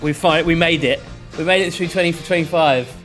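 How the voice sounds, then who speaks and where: A man co-hosting a podcast in casual chat, easygoing and quick to laugh. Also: on the high side, a bit bright, soft background music. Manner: laughs often, easygoing and chatty. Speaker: podcast co-host.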